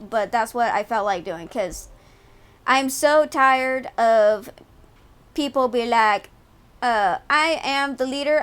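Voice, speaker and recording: A woman's voice: a little high, fairly bright tone, clear, resonant tone. A woman streaming a video game live, chatting casually in a profane, exasperated way. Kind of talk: casual live gameplay commentary.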